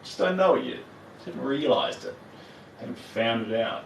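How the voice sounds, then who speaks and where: A man with a thick, broad Kiwi accent talks in a middle-pitched voice, hosting a casual livestream. His manner is encouraging and reassuring as he replies to viewers. The sound is roomy, picked up at some distance from the mic. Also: animated, moderate pace, vocal fry, slight background noise. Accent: broad New Zealand. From New Zealand. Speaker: livestream host. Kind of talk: casual livestream chat while working, replying to viewers.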